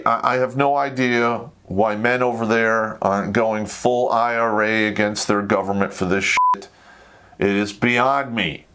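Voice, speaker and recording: An American talk show host rants live to camera, blunt, profane and conversational. His voice is fairly low in pitch with a fairly bright tone.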